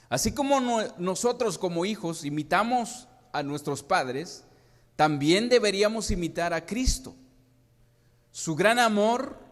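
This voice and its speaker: A man preaching a sermon to his congregation, often asking them questions and restarting his phrases. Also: high voice. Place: church hall. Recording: long hall reverb.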